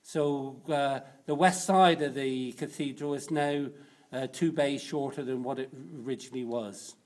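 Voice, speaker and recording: A man working as a cathedral tour guide, explaining things informally and in a halting, unscripted way. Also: mid-range voice, a little mellow.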